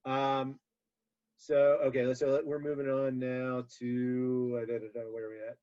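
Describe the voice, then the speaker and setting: A man's voice: mid-range voice, completely flat delivery, a little slow, dark tone. Rambling male podcast host, dull audio. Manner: rambling, many fillers and restarts. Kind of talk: casual movie rewatch podcast chat.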